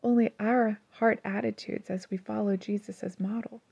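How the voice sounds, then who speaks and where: A woman reads a scripted devotional in an earnest, gentle tone, often softening to a near-whisper on key words. Her voice is husky and mellow, pitched a little high, with a gravelly fry at the ends of phrases. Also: steady tone, moderate pace. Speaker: devotional podcast host.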